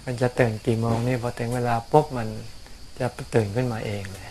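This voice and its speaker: Calm Thai monk explaining dharma. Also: male voice, medium pitch, a little fast, slight background noise. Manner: calm, explanatory, repeats words. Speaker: Buddhist monk teacher. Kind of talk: casual dharma Q&A. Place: outdoors on a mountain.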